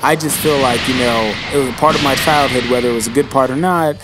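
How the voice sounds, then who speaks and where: Talking fast over loud music, a young man with a medium-pitched voice answers viewer questions in a casual vlog. He rambles, uses slang, and calls his viewers "bro," and his voice is starting to give out.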